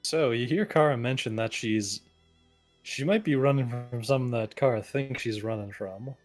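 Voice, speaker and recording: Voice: medium pitch, normal speed. A game master with a mid-range voice narrates a tabletop roleplaying scene in a conversational way. Faint music runs underneath.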